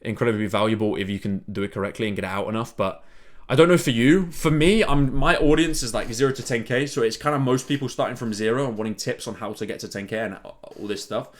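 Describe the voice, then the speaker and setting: A man's voice: mid-range voice, fast talker. A young man in casual chat as a content creator, rambling with lots of fillers.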